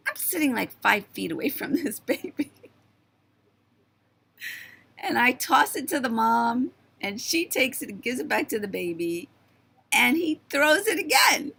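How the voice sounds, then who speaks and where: Hoarse, chatty woman in her fifties. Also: fairly high pitch. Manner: chatty, animated, marvelling storyteller. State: voice going hoarse. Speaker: vlogger. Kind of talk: casual storytelling to camera.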